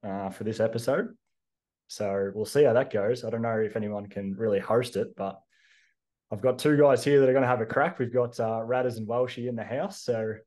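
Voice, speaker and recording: A man's voice: medium pitch, fairly quick. A young Australian man, a strength coach and podcast regular, chatting casually and easily with plenty of ums. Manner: relaxed, easygoing, with frequent ums.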